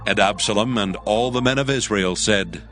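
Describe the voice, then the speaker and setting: A man with a somewhat deep voice narrates scripture. His scripted storytelling is measured and solemn. Soft music sits faintly behind the voice.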